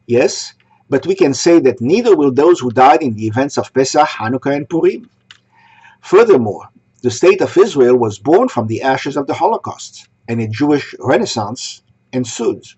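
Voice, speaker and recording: A man from Egypt delivering a sermon, posing rhetorical questions in a measured way. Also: medium pitch, very animated, darkish tone, breathy edge. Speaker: synagogue speaker. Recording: dull lo-fi recording.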